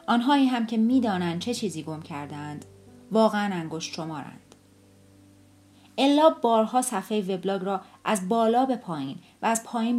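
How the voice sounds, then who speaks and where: Woman narrating an audiobook, steady. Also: medium pitch.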